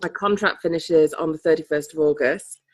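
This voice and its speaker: A British woman chats casually as a participant in a coaching group's video call. Her voice is deep and her pace moderate. She laughs often and sometimes loses her thread.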